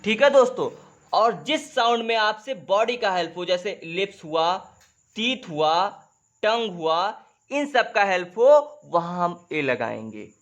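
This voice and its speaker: A man teaching English grammar in a lesson, who keeps calling the viewers "friends", asks if they follow, and spells out example sentences slowly, word by word. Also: sits high, expressive, a bit bright. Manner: repeats "dosto" and "theek hai" constantly, drawing on a board. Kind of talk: classroom-style grammar lesson.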